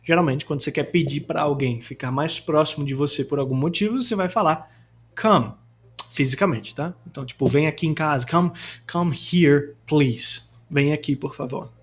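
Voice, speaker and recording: A young Brazilian man gives an online English lesson with a slightly high-pitched voice. He explains pronunciation in Portuguese, then models English example phrases. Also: a little fast. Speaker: English teacher.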